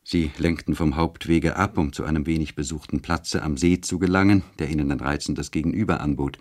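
Brief: male reader voicing a courtly traveling gentleman from a novel, low voice. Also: steady tone, fairly quick. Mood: recounting. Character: the lord's companion, a gallant male traveler recounting an outing.

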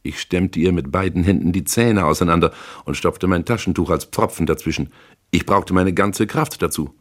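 A man narrating a first-person crime novel in a measured, dry, hard-boiled way. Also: low-pitched. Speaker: audiobook narrator.

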